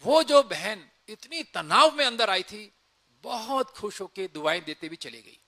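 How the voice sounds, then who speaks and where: Here a retired army officer shares a service story at a slightly slow pace, his pitch high. He animates the account by voicing the dialogue himself.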